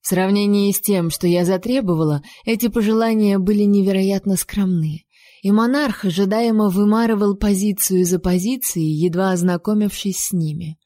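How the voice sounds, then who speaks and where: A woman's voice: mid-range voice, normal speed, no echo, clean studio sound. Woman narrating a novel. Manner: lively storytelling with playful character quotes. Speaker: audiobook narrator. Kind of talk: first-person novel narration.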